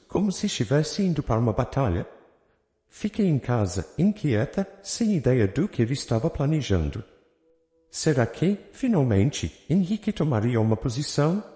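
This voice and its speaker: A man giving a measured, scripted first-person narration of a story. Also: medium pitch. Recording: roomy reverb with soft guitar music. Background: soft guitar music.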